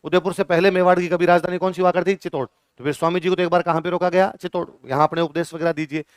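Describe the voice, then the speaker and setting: A man teaches a class in a lecture and keeps quizzing his listeners. His voice sits fairly high and sounds clean and crisp. The recording is dry and close. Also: level tone, very fast, no echo. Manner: asks the class questions and answers them himself.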